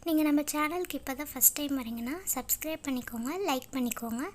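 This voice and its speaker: A woman with a Tamil accent giving a language lesson, saying each sentence and then repeating it slowly and clearly. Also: high voice, a little mellow, slight background noise. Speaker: English teacher.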